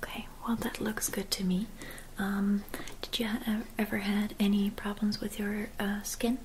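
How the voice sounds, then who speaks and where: A woman in her twenties doing a whispered role-play as a spa attendant, speaking softly and gently in an attentive, whispery voice. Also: medium pitch, level tone, a little slow, slight background noise. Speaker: ASMR performer playing a spa clinic receptionist and therapist. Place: small dim room at home.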